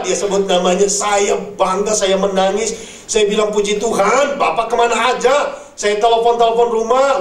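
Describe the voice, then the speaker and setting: A man preaching a sermon who keeps calling his listeners "brothers and sisters". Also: high-pitched. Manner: addresses listeners as "saudara". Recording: echoey room, mic from far off.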